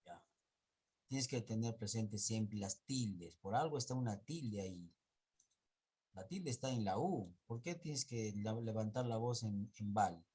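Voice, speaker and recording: A man's voice: on the low side, expressive, measured pace, a little mellow, breathy edge. A man teaching an online class, going over pupils' reading mistakes and counting errors aloud.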